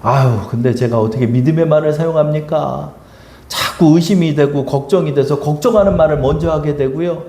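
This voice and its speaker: A man's voice: on the high side, brisk. A middle-aged man preaching a sermon as pastor, telling stories and acting out the people he quotes. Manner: animated storytelling, acting out quoted voices. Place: church sanctuary. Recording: echoey church room.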